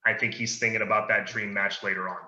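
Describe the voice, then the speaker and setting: Male co-host, casual chat, leads the talk; sharp, bright tone, roomy echo. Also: fairly low pitch, level tone, fast talker, slight background noise. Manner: easygoing, opinionated, leads the discussion. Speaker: podcast co-host. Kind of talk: casual chat about wrestling. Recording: echoey room, dull lo-fi sound.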